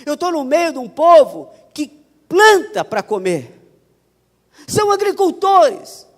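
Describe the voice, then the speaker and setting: Male pastor, Paulista accent, emphatic sermon, repeats phrases, very high voice, long church reverb. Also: big pitch swings, a little slow. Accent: Paulista Portuguese. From São Paulo, Brazil.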